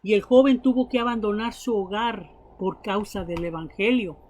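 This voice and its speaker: A woman's voice: mid-range voice, normal speed, a little mellow, a little hiss or hum. A woman preacher delivering a sermon, telling Bible stories and her own testimony in an earnest, emphatic way.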